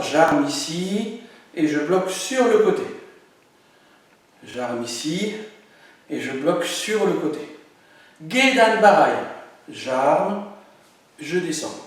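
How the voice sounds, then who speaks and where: A man teaching an online karate class, explaining moves and counting out drills for his students. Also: fairly high pitch. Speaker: karate instructor. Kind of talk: online workout class instruction. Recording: very echoey room, voice from far off.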